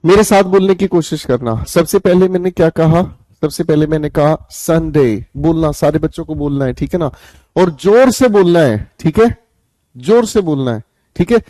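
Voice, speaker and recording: A man's voice: fairly high pitch, moderate pace, mellow, dry recording. A male teacher leading a live online grammar class, coaxing students and repeating his questions, then answering them himself with playful scolding.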